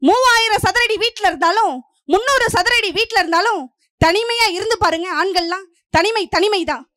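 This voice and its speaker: Very high, bright-voiced woman debater. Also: moderate pace, no echo, studio quality. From Puducherry, India. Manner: declamatory, rhythmic parallel lines. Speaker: debate speaker. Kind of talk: stage debate speech.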